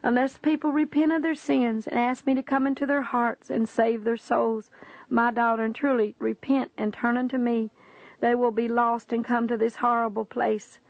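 A woman reading the lines of Jesus in a testimony story, with grave, measured pronouncements. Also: on the high side, level tone, no echo, lightly acted. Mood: solemn reproach. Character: solemn male Jesus, stern and sorrowful. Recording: dull, dry lo-fi recording.

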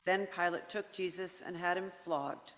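A narrator reading the Passion at a church service, steady and even. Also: mid-range voice, unhurried, very noisy. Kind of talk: liturgical scripture reading. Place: large church. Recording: church with long reverb.

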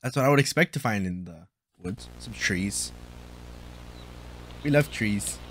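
A man's voice: lowish voice, lively intonation, a little slow, fairly bright tone, a little hiss or hum, low-quality recording. A young man giving goofy, jokey commentary while playing a horror game for his channel. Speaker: gaming channel host.

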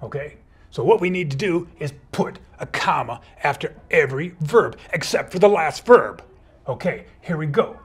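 A man's voice: on the high side, expressive, moderate pace, breathy edge. A man teaching kids grammar in a playful, upbeat superhero persona. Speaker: teacher playing a comma superhero. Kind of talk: educational video for kids.

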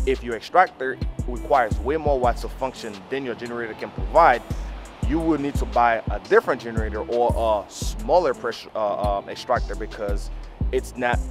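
A man in his thirties giving a casual instructional vlog, repeating himself as he explains things straight to the viewers, speaking into a camera outdoors. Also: mid-range voice. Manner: repetitive, explanatory, addresses viewers directly as "you guys". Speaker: mobile car detailer and video host. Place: outdoors on an open rooftop parking lot beside a van. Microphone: camera mic, mostly handheld at arm's length.

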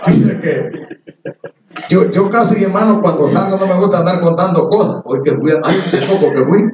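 A male pastor preaching a sermon in an animated way, calling his listeners "brother" again and again. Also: high-pitched, moderate pace, background noise. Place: church service before a congregation. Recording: echoey church hall, mic far off, dull lo-fi sound, congregation audible.

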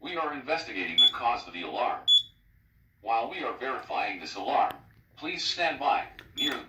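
A man reading a formal emergency evacuation message in a calm, measured way, played back through fire alarm loudspeakers. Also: mid-range voice, dull audio. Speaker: recorded emergency announcer. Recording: echoey, distant loudspeaker with loud noise.

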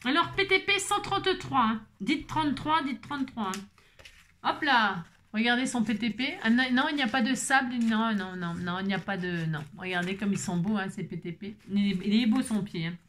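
A woman's voice: mid-range voice, normal speed, fairly bright tone, slight background noise. A woman craft vlogger chatting casually and playfully, tagging "hein" onto her sentences and breaking into bits of song. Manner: bubbly, chatty, playful, sings snippets; repeats "hein" constantly. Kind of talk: casual chat.

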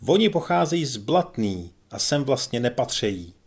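A man's voice: medium pitch, sing-song, breathy edge. A man voicing a spiteful townsman with a piercing voice, sneering at a fellow citizen. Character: shrill spiteful male townsman.

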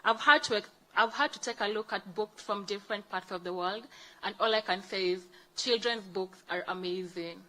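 Bright-voiced Kenyan woman giving a speech. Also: mid-range voice, normal speed, low-quality recording. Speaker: guest speaker, book fair fellow. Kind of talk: formal thank-you speech.

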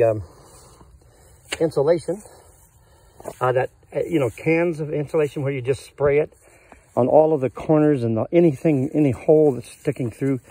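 An older man with a medium-pitched, dark-toned voice casually shows off his cabin outdoors in the woods, rambling folksily with plenty of fillers. It's recorded on a handheld phone with a little hiss or hum.

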